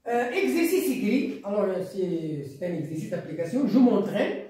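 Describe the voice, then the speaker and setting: A woman's voice: medium pitch, big pitch swings, normal speed, noisy background. Moroccan lady teacher going over grammar, says everything twice, big echoey room, mic far off. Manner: repeats key phrases, explains in French then in Moroccan Arabic. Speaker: primary school teacher. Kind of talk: grammar lesson.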